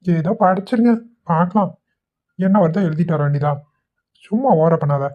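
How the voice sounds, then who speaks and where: Woman doing a gruff young cartoon husband. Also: fairly low pitch, lively intonation, normal speed, muffled recording, lightly acted. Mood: teasing. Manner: curt, scolding. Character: young husband, blunt and short-tempered.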